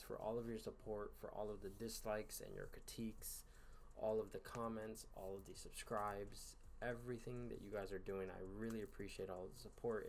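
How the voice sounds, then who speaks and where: A man hosting a gaming channel, giving casual commentary over gameplay late at night, tired and yawning, in a relaxed, rambling way with fillers and sighs. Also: fairly low pitch, slight background noise. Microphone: voice-over recorded in one take.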